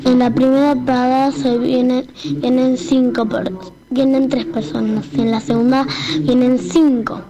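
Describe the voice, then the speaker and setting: Woman playing a kid telling a riddle, high voice, crowd noise behind. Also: flat delivery, measured pace, dull audio. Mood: riddling. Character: kid cousin posing a riddle.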